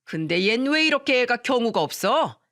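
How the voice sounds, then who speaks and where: A woman voicing an angry older mother-in-law who yells harsh insults in a radio story. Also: on the high side, very animated, normal speed, no room sound, studio quality, pitched above the performer's own voice. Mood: furious scolding.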